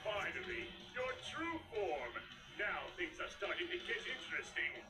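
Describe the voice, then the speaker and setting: Anime dub clip: a taunting fighter, breathy high voice, faint music behind. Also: female voice, sing-song, unhurried, bright, forceful tone, no room sound, full character voice.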